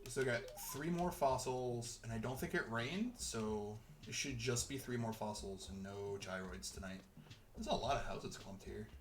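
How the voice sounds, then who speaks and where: A man's voice: medium pitch, moderate pace. A young man giving rambling, chatty let's-play commentary while he plays, chuckling often. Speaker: gameplay commentator.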